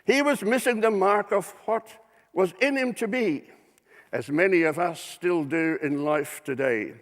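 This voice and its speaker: Man, minister, sermon, slow measured delivery, long church reverb. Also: high voice. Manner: slow, measured preaching with dramatic rhetorical questions.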